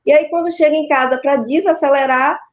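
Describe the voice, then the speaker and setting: A woman's voice: high voice, steady tone, fairly quick. A woman with a Brazilian Portuguese accent, a sleep consultant giving didactic answers in an interview and often checking in with tag questions. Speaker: maternal and child sleep consultant. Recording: dull, lo-fi video call audio.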